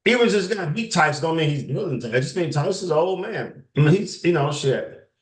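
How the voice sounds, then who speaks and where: A man's voice: fairly high pitch, expressive, a little fast. A man in casual sports chat, musing aloud and posing questions to the others. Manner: questioning, musing, eats while talking. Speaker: co-host. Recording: roomy echo.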